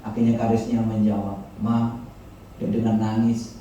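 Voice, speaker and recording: Male pastor, dark mellow tone, animated sermon, very echoey hall, heard from far off. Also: normal speed, dull audio. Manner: animated preaching with raised pitch when quoting. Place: large church hall.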